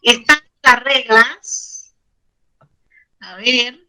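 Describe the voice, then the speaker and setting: A woman's voice: fairly high pitch, fairly even intonation, sharp tone, rough recording. A woman teacher explaining spelling rules to her students, patient and repeating each point. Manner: patient, explains slowly with repetition and diminutives. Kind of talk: online Spanish grammar lesson.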